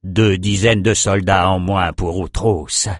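A man reading an audiobook, voicing a calm male wizard leader who speaks in a measured, consoling way. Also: low-pitched, no room sound, clean studio sound. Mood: grim.

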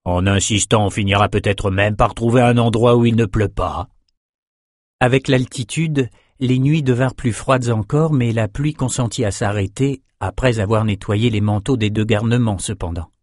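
Man, audiobook narrator, low voice, steady reading, dry close sound. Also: no room sound.

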